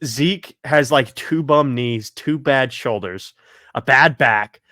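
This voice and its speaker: A man hosting a casual sports podcast, joking and excitable, rattling off long lists. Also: medium pitch, slow, dry recording, clean studio sound. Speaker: podcast host.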